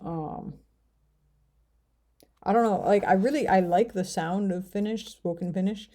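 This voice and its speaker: An American woman from the United States, a language learner vlogger, talks casually to the camera. Her mid-range voice is mellow and moves at a measured pace, and she rambles hesitantly with lots of fillers.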